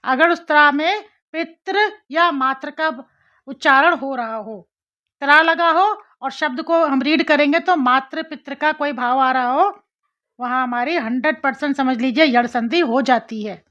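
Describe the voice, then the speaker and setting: A woman's voice: high voice, unhurried, bright, forceful tone. A woman teaching a grammar lesson, explaining step by step, repeating syllables and asking questions to her students. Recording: slightly dull lo-fi audio.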